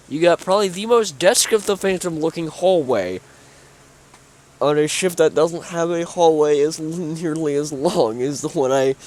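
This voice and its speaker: With a mid-range voice and a darkish tone, a young gaming YouTuber gives a casual tour of his own video game build. He sounds sleepy and yawns, rambling with fillers and restarting his thoughts.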